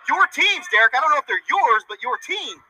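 A man hosting a wrestling show with energetic sports commentary. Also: very high voice, a little fast, no echo, poor audio. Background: music.

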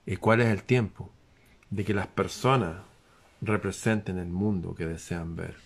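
A man giving a lively spiritual talk to an audience, asking rhetorical questions and dropping suddenly to a hush. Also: low voice, measured pace, gravelly, slightly rough. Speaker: motivational speaker.

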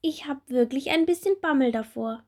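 A woman's voice: high-pitched, normal speed, darkish tone, voice pushed up. A woman voicing a friendly, somewhat nervous young caterpillar in a storybook. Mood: thoughtful. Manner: thoughtful, a bit anxious.

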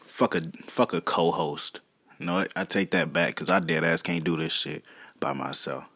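A man's voice: low voice, animated, moderate pace, creaky, bright, forceful tone, breathy edge, dry recording. A man hosting a casual solo podcast, rambling in slangy, foul-mouthed talk. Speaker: podcast host.

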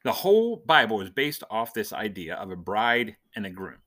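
A man hosts a podcast with an informal Bible lesson, explaining conversationally and posing questions he then answers. His fairly low voice has big pitch swings, a moderate pace, and a bit of brightness.

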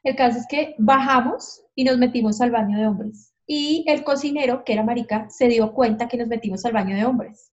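A woman's voice: a little high, moderate pace, darkish tone. A woman telling her stories as a podcast guest, frankly and with animation, acting out the voices she quotes. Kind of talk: candid storytelling. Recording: dull lo-fi sound.

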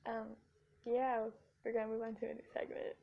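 A woman's voice: a little high, monotone, brisk, vocal fry, narrow, tinny audio. A woman co-hosting a casual podcast, chatty and giggly, talking over a headset mic. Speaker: podcast co-host. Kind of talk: casual chat. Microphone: headphones with mic.

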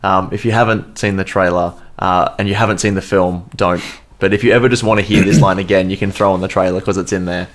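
A man's voice: deep voice, steady tone, quick pace, hardly any pauses. A man co-hosting a podcast, chatting enthusiastically about a film and often restarting his sentences. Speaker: podcast co-host. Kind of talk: casual film review chat.

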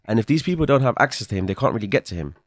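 A man's voice: fairly low pitch, big pitch swings, racing, dry recording, studio quality. A young man with a London roadman accent and slang, arguing insistently in a casual debate.

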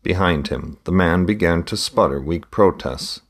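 A man narrating a fantasy story aloud in a steady, measured reading. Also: low voice. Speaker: audiobook narrator.

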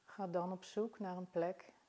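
A woman guiding a body-scan meditation in a soft, calm, soothing manner, unhurried and with long pauses between phrases. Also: on the low side. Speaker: meditation guide.

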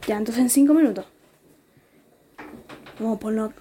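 A teenage girl with a Chilean accent chats on her podcast, laughing often as she tells a story. Her voice sits high, and a faint hiss runs under the recording. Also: normal speed, warm tone. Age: teens. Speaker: podcast co-host. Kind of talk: casual chat.

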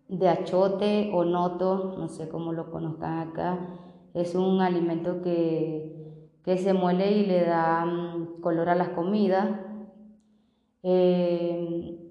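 A woman in her thirties from Venezuela, telling her story hesitantly, with halting phrases and many fillers. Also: lowish voice, flat delivery, roomy sound, in a large hall, highs cut off. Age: 30s. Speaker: street vendor giving testimony. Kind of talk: personal testimony.

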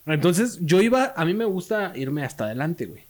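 Young mexican man, high voice, lively slangy storytelling, casual chat. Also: fairly quick. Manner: animated slangy storyteller, shouts quoted lines. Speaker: podcast co-host.

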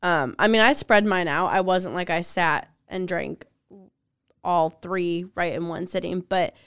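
A woman's voice: lowish voice, measured pace, clear, resonant tone, no room sound, studio quality. A woman, co-hosting a podcast in playful, teasing chat. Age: 20s. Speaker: podcast co-host. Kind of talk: casual chat.

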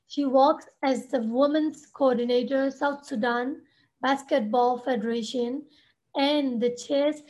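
A woman hosting a podcast interview, chatty and full of filler words. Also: high-pitched. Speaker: podcast host. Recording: dull lo-fi audio.

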